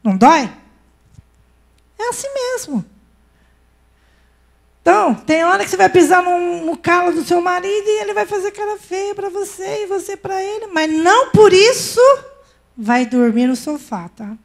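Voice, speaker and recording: A middle-aged woman with a Brazilian Portuguese accent preaches to a women's service. Her voice sits high, and she talks in an easy, conversational way, telling stories from her own home. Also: expressive, unhurried, creaky, long pauses. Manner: conversational, tells personal stories. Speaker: pastor's wife preaching. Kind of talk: sermon at a women's church service.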